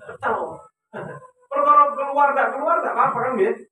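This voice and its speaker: A man's voice: very high voice, fairly even intonation, a little fast, sharp tone. A man preaching at a religious gathering, telling a story with animation and asking the audience questions. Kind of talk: Islamic religious talk. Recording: echoey hall, distant mic.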